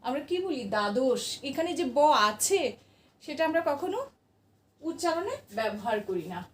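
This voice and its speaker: Woman teacher, high voice, patient question-and-answer lesson, distant mic with room echo. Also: big pitch swings, moderate pace. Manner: patient, asks the class questions and answers them herself. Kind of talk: classroom grammar lesson.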